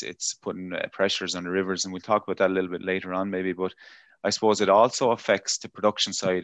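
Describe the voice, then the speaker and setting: A man's voice: deep voice, a bit bright, no room sound. A man with an Irish accent, interviewing in a conversational way and working round to his questions somewhat tentatively. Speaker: interviewer, farm environmental adviser.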